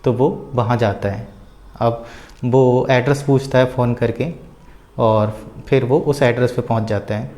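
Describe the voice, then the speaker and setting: A man casually retelling a story out loud, with a rambling flow full of filler words and small hesitations. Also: mid-range voice, fairly even intonation, measured pace.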